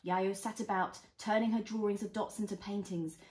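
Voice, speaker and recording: A woman reads a picture book aloud as a mother does to a toddler. She is expressive, explaining things simply and prompting with small questions. Her mid-pitched voice rings slightly in a roomy home space. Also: moderate pace, noisy background. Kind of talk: reading a storybook aloud to a young child. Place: indoors, small living room at home. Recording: roomy echo of a home room.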